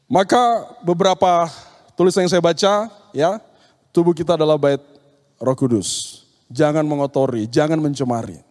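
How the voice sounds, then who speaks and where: A man preaches to a seminar audience in a higher-than-usual voice, turning his sermon into stories and playing the back-and-forth exchanges himself. His voice rings out with the long reverb of a large hall. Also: normal speed, a little mellow. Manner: storytelling, acts out dialogues with demons and youths. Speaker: speaker at an occult seminar.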